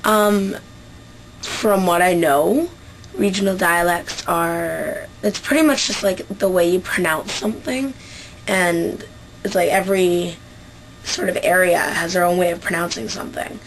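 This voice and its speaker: A young Canadian woman with a lowish voice talks slowly and haltingly, full of ums and restarts as she vlogs. A faint hiss sits under her voice. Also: poor audio. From Central Canada. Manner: hesitant, many fillers and restarts. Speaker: vlogger. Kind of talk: casual dialect-survey vlog.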